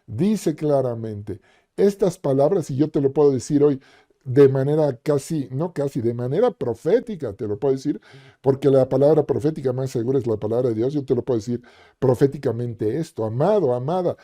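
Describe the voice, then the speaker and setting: A man preaching a conversational sermon, acting out the quoted speakers and filling pauses with "ujú". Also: medium pitch, lively intonation, warm tone. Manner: conversational, acts out quoted voices, frequent "ujú" fillers.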